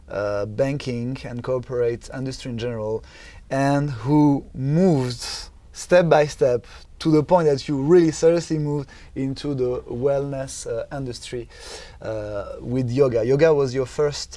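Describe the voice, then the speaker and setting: A man hosting a wellness podcast, chatting with a guest in a halting way, full of fillers and restarts. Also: medium pitch, warm tone, no echo. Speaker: podcast host. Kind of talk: casual interview chat. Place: Dubai.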